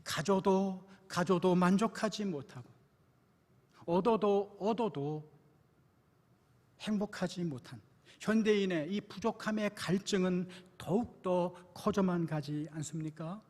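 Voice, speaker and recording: Male pastor preaching, high-pitched, questioning the congregation, in a reverberant church. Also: measured pace, a little mellow. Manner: asks the congregation frequent rhetorical questions. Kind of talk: sermon. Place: church sanctuary. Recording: long church hall reverb.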